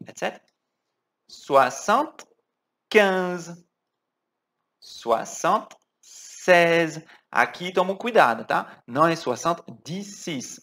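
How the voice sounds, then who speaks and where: A man's voice: on the high side, a bit bright. A man from France with a French accent, teaching a language lesson and drawing out each word in careful pronunciation drills, often checking in with his students. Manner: slow, drawn-out pronunciation drills, checking in with frequent "tá?".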